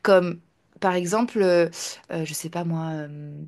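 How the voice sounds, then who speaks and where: A woman's voice: lowish voice, unhurried, darkish tone. A young woman, a language teacher, talking casually to the camera. She hesitates often and switches between French and English, repeating her points in translation. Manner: chatty, with frequent hesitations and fillers. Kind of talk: casual personal talk to camera.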